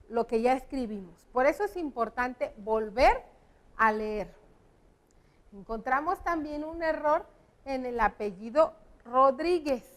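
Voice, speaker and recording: A woman, a primary school teacher on an educational TV lesson, patiently explaining spelling rules step by step to children. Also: high-pitched. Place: TV classroom set with a whiteboard.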